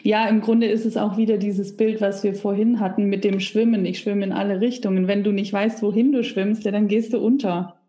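Mellow-voiced woman interviewer, attentive. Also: mid-range voice, flat delivery, a little fast, hardly any pauses. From Germany. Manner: attentive, with frequent short affirmations. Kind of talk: conversational interview.

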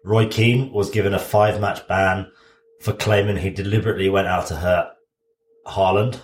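An Englishman chats casually as a sports podcast co-host. His voice is low, and he banters in a dry, deadpan way. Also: moderate pace, reverberant.

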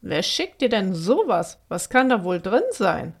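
A woman's voice: mid-range voice, big pitch swings, a little slow, slightly rough, full character voice. A woman voicing a lazy, sarcastic male house cat who talks in a dry, mocking way in a storybook. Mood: curious.

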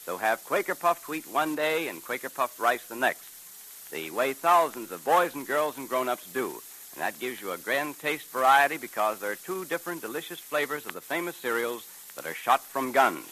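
An American man working as an old-time radio announcer, dramatically and emphatically pitching a sponsor to young listeners. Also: sing-song, normal speed, pushed and bright, poor audio. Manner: dramatic, emphatic salesmanship addressed to children. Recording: hissy vintage radio broadcast.

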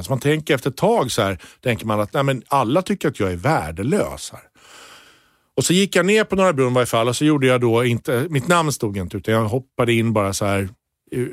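A man in a casual podcast chat, a stand-up comedian who tells stories with lots of restarts. His pitch is mid-range but leaps up sharply when he gets excited. He is recorded close and dry with no room sound. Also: no echo. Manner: animated storytelling, restarts, voice jumps high when excited.

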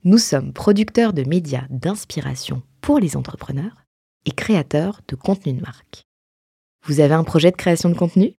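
A woman, co-founder of an agency, reading a scripted podcast intro in a smooth, breathy voice. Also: sits low, lively intonation, moderate pace, mellow, no room sound, studio quality. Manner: smooth read-out promo.

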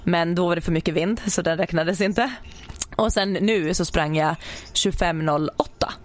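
A young woman, a sprinter, chatting casually and telling stories in an animated way, acting out her own reactions. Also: fairly low pitch. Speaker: podcast guest, sprinter. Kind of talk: casual chat.

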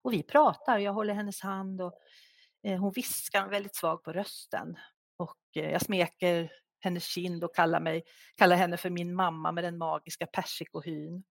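A middle-aged woman, a guest author in an interview, telling a personal story in a soft, halting, reflective way. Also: on the low side, flat delivery, vocal fry, no echo, studio quality.

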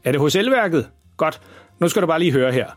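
A man's voice: a little high, lively intonation, music in the background, pitched above the performer's own voice, natural voice. A man voicing a clumsy, overconfident father in a children's audio story, hesitant and full of fillers. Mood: cheerful. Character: clumsy, overconfident bumbling dad.

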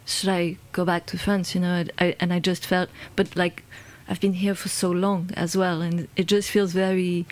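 A woman's voice: on the low side, level tone, moderate pace, few pauses, a little mellow. A London-born woman, a guest in a conversational interview, talking in a hesitant way with many fillers and restarts.

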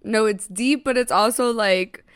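A woman's voice: on the high side, a little slow, clean tone, no room sound. A young woman hosting a podcast in casual, slangy chat with a playful, irreverent manner. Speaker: podcast host.

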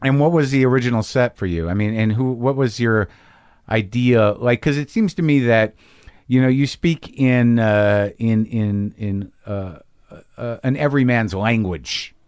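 A man hosting a casual interview, asking questions haltingly as he thinks aloud. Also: mid-range voice, darkish tone, smooth, dry recording, studio quality. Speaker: interviewer, podcast host.

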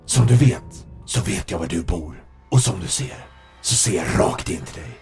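A man voicing a cold, menacing masked man whose voice runs through a metallic voice changer, hushed and threatening, in an audiobook. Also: deep voice, lively intonation, creaky, faint music behind. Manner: hushed, threatening, spits curses. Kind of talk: audiobook narration.

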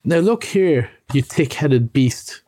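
An impatient, excitable male water rat from a storybook, as a male reader puts him on. His slightly raised, mellow voice scolds and urges in an insistent rush of words. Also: a little high, normal speed, dry recording, lightly acted. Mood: angry. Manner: urgent, scolding. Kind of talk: audiobook reading.

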